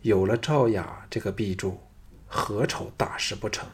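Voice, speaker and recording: A man narrating a martial-arts fantasy novel as an audiobook reader, in steady storytelling. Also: fairly low pitch, a little slow, breathy edge.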